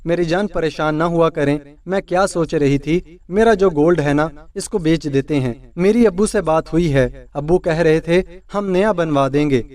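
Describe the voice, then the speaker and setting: A man's voice: on the high side, hardly any pauses, a little mellow, far from the mic, lightly acted. A man voicing a sulky, scheming young wife who complains and accuses tearfully. He keeps close to his own voice, set back from the mic. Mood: coaxing.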